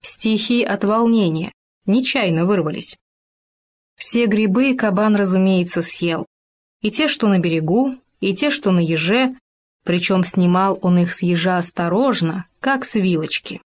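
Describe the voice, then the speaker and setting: Lady reading a kids' fairy tale, lively, mid-range voice. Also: medium pitch, measured pace. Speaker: storyteller. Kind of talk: storybook narration.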